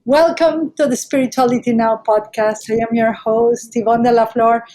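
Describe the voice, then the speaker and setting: A middle-aged woman, a native Spanish speaker with a Mexican accent, hosts a podcast and chats effusively and digressively through a casual introduction. Her voice sits on the high side with fairly even intonation, a moderate pace and a warm tone.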